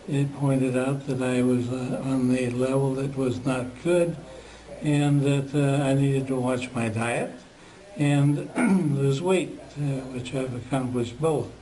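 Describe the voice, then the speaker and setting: Halting man in his eighties. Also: mid-range voice, mellow, slight background noise, low-quality recording. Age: 80s. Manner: halting, many fillers, clears throat. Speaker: customer giving a testimonial. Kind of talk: unscripted testimonial.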